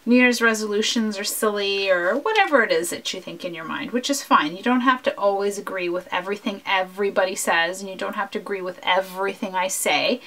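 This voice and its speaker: A woman's voice: medium pitch, a bit bright. A woman vlogger talking earnestly and from the heart while she works on a scrapbook, drifting from topic to topic. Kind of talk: casual talk over a crafting video.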